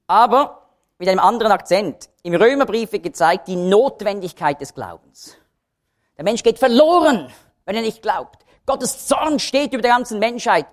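Lively-voiced man teaching the Bible. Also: high voice, moderate pace. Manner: explanatory, with emphatic repetition of key phrases. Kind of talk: Bible study lecture.

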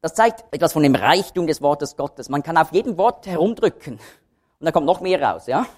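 A man's voice: on the high side, lively intonation, moderate pace, darkish tone. A man giving a Bible study lecture, explaining patiently and repeating key phrases for emphasis. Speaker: Bible teacher.

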